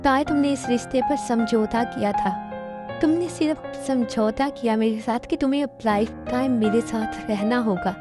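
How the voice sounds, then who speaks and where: A woman's voice: on the high side, normal speed, natural voice. A woman voicing a curt, commanding young male mafia boss in a fan dub. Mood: cold. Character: young male mafia king, cold and angry. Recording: music in background.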